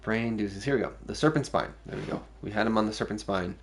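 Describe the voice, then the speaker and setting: A man's voice: fairly low pitch, fast, gravelly, a little hiss or hum. A man streaming a video game, thinking aloud through his choices in casual commentary.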